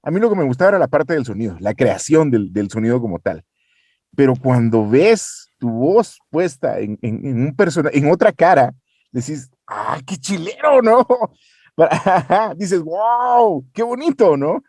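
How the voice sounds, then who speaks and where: Guatemalan man, lively casual guest, dry close sound. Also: mid-range voice, normal speed, dry recording. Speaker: guest voice actor. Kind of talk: casual podcast interview.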